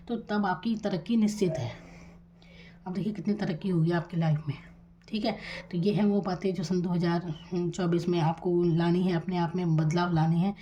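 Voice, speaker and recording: A woman from India giving a tarot reading, speaking quietly and calmly and addressing the viewer directly with reassurance. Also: lowish voice, dull audio, slight background noise. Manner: soft-spoken, deliberately quiet. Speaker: tarot reader.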